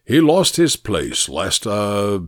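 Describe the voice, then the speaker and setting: A booming, self-satisfied fat gentleman holds court in a grand, patronizing tone, as a male audiobook reader puts him on. His voice swings widely up and down as he lectures, and the recording is close and dry. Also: wildly swooping pitch, slow, dry recording, full character voice. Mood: genial, patronizing. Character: fat, genial, pompous older gentleman who lectures. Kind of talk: audiobook character voice.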